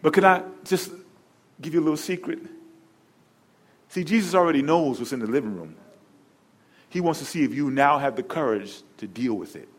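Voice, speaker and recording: A male pastor preaching a sermon, telling stories with lively repetition and asides to the congregation. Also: a little high, normal speed, long pauses.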